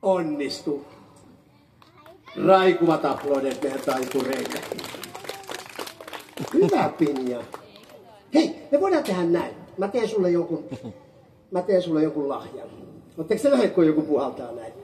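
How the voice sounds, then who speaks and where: A woman doing a playful magic show for children, teasing her young helpers and calling out the magic words. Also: long pauses. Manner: teasing, animated, bursts into high calls on magic words. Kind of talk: playful stage patter with a child audience. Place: amusement park show area. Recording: roomy, distant sound with faint ambient noise.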